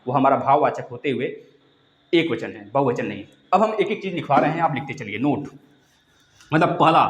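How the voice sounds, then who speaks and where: A fairly high-voiced man teaches a live class and keeps repeating words for his students to write down. He stretches some words out slowly and slips in playful remarks. The room he is in is echoey. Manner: repetitive dictation, drawn-out words, jokey asides. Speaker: Hindi teacher for exam preparation. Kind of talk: live online class lecture.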